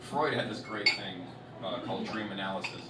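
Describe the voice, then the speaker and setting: A man doing a stand-up comedy set on a festival stage. He swears a lot and swings between loud outbursts and low muttered asides. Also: moderate pace, very noisy. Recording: roomy hall, distant mic, loud audience.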